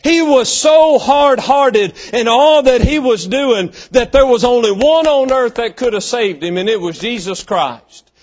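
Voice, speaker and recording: A man's voice: extremely high pitch, a little slow. A man preaching a sermon, with an emphatic, repetitive cadence. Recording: dull lo-fi recording.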